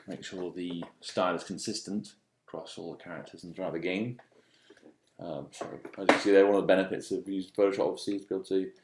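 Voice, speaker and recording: A man giving a casual, unscripted voice-over demo as a digital artist, speaking in a halting, musing way. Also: deep voice, a little mellow, echoey room. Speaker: digital artist demonstrating own work.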